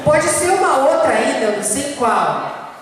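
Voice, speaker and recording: A woman with a Brazilian accent gives a talk to an audience in a church, often asking them rhetorical questions and slowing down to stress her points. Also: high voice, sing-song, crowd noise. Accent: Brazilian Portuguese. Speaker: speaker giving a church talk. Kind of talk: lecture to an audience. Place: church hall. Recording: echoey hall from far off, faint hiss.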